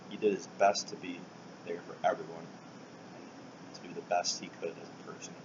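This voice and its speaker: A man reads a prepared eulogy in a solemn manner, with his phrases trailing off softly. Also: sits low. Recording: dull lo-fi recording, loud air-conditioning hiss.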